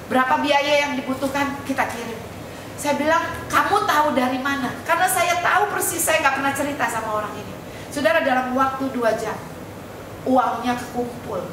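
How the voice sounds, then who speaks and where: A woman's voice: fairly high pitch, noisy background. A middle-aged woman pastor giving a testimony sermon, often calling out to the congregation and slipping in English phrases. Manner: personal testimony, often addressing listeners as saudara, mixing in English phrases. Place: church sanctuary. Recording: echoey church hall, voice from a distance.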